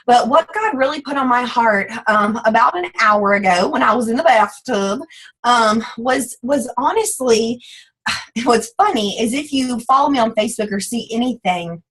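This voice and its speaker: A woman with a Southern accent who talks fast and bubbly, with lots of "like", speaking as a guest on a video call. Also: fairly high pitch, animated, fairly bright tone, husky, rough recording. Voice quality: fast, bubbly, says "like" a lot. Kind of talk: casual team call talk.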